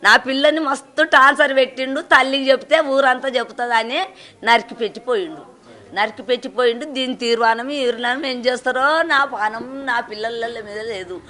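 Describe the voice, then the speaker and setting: In a grieving interview, an older woman with a Telangana Telugu accent, the victim's mother, laments the loss of her daughter, repeating phrases and letting out sobbing laughs. Her voice is a little high and fairly bright, with fairly even intonation and a brisk pace.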